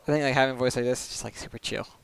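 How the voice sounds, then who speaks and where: This young streamer's talk during play is loose and rambling, dotted with "like" and quick little laughs. His voice is smooth, clean, and steady in tone at a middle pitch, and it sounds recorded on a desk microphone at home.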